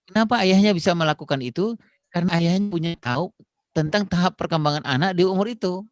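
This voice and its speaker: Man giving a relaxed parenting talk. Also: high-pitched, quick pace, dry recording. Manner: explains with many "gitu" fillers, acts out phone dialogues. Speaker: parenting speaker.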